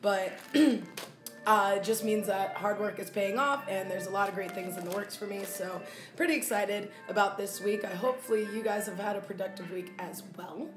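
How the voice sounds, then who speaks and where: Speaking at a moderate pace with fairly even intonation and medium pitch, a twenty-something woman hosts a laid-back cooking vlog in her small kitchen as her voice gives out. She's slangy and playful, adding daft rhyming endings to words. A phone camera catches her close, then from a few steps away, in an echoey room with music in the background.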